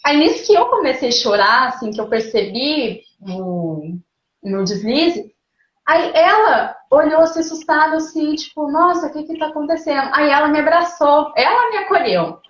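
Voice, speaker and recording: Woman guest, higher voice, heartfelt storytelling, echoey muffled call audio. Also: normal speed. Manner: earnest, animated retelling with quoted inner thoughts. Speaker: guest mother sharing her story. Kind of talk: emotional personal storytelling. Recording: roomy, dull lo-fi call audio.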